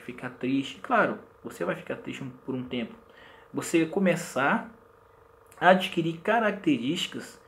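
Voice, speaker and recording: A man teaching a sales course, lively, acting out short example dialogues as he explains. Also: a little high. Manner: animated, acts out example dialogues. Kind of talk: lecture to camera.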